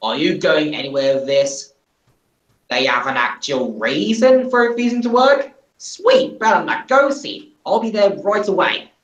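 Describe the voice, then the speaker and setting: A woman's voice: lowish voice, measured pace, echoey room, muffled recording, close to an everyday voice. A woman doing a sarcastic railway boss.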